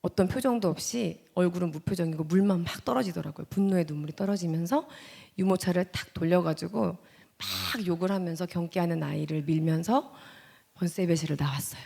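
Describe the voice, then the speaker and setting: A woman's voice: on the low side, brisk, creaky, breathy edge. A woman in her thirties, an actress giving a testimony as guest speaker in a church, telling her story with strong feeling and acting out her own past words. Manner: swings between loud outbursts and hushed, near-whispered lines. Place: church sanctuary.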